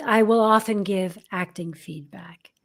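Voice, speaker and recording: As a guest on a podcast, a fiftysomething American woman who coaches actors talks in an unhurried, mid-range voice. She's frank and thoughtful, frequently starting over and filling gaps with fillers.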